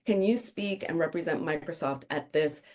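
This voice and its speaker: A woman's voice: deep voice, moderate pace, darkish tone. A middle-aged woman from the Dominican Republic, a guest on a podcast telling her career story in a casual, joking way. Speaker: podcast guest, author and consultant. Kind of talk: casual interview chat.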